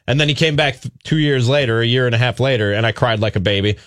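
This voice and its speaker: A man's voice: medium pitch, steady tone, quick pace, a bit bright, no echo, clean studio sound. A man with an American accent chatting as a sports talk radio host in a conversational, earnest way.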